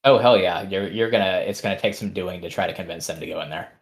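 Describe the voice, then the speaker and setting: A man with a fairly low voice runs a tabletop game as game master. He talks in a relaxed, rambling way, full of fillers and restarts. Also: fast talker.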